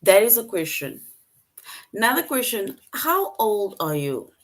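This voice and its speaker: In an unhurried, sing-song voice of medium pitch, a woman gives young kids an online English lesson. She stays patient, repeats a lot, and keeps asking "right?".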